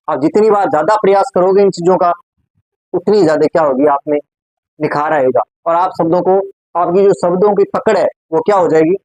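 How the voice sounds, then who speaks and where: A man's voice: high voice, darkish tone, no room sound, rough recording. A man teaching Hindi grammar in a classroom, speaking with a Rajasthani Hindi accent. He repeats each word and keeps asking rhetorical questions to check that his students follow. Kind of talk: classroom lecture.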